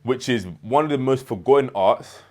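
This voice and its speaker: A man's voice: mid-range voice, normal speed, a little mellow. A young man giving earnest motivational advice straight to camera, repeating words and restarting as he goes. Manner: earnest and advising, with repetitions and restarts. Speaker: self-improvement creator.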